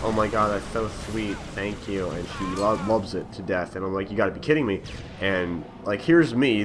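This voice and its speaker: Over game footage, a young man hosting a gaming channel tells a story from his school days in a low, slightly bright voice. He rambles, with many fillers and restarts, and there's a little hiss or hum in the audio.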